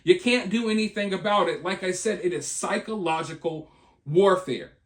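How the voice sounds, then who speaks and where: Speaking at a normal speed in a voice that sits high, this video host and commentator delivers opinionated news commentary. He presses his points emphatically, repeating them and asking rhetorical questions.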